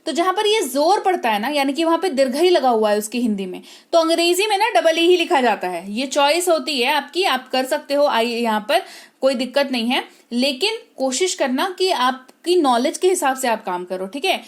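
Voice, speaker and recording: A woman teaching English spelling, speaking patiently, repeating words slowly and checking that her students follow. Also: high-pitched, big pitch swings. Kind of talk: explaining spelling to learners.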